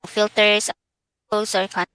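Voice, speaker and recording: A woman from the Philippines, Tagalog her first language and English her second, narrates a casual screen-share sign-up tutorial with a Filipino accent, hesitating, using frequent fillers and occasionally switching to Tagalog. She's mid-range and level, taking it slowly, with a smooth, slightly bright voice.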